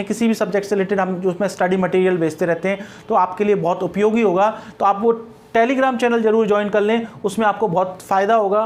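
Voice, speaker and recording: A male English grammar teacher explaining step by step, mixing English terms into Hindi and answering his own questions. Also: high-pitched. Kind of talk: Hindi-language grammar lesson.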